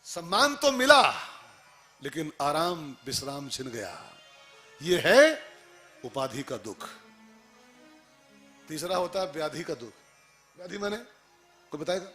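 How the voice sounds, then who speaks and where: A man preaching a devotional sermon, animated and rhetorical, repeating phrases and asking the audience questions. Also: on the high side, takes it slowly, pauses often, soft background music.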